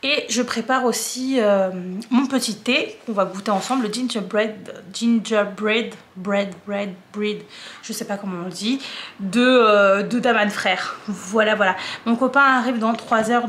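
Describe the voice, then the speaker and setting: A woman's voice: mid-range voice, moderate pace, a bit bright. A young French woman chatting casually and rambling through an unboxing vlog at home, with a slight cough. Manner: rambling, lots of fillers and repeats. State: coughing a little. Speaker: vlogger. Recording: roomy echo, faint hum.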